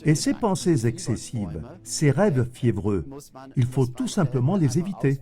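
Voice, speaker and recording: A man voicing an interview guest's answers in a measured, explanatory way. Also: mid-range voice, big pitch swings, mellow, soft background music.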